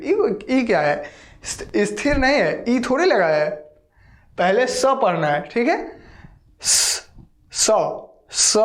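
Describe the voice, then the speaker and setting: A geography teacher giving an online class, speaking patiently, repeating words and sounding them out syllable by syllable, often checking in with the listener. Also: medium pitch. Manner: patient, repeats words and drills pronunciation slowly.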